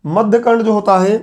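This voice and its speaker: A man's voice: high-pitched, darkish tone. A middle-aged male teacher with a sore throat lecturing a class at a board, explaining step by step and posing questions that he answers himself.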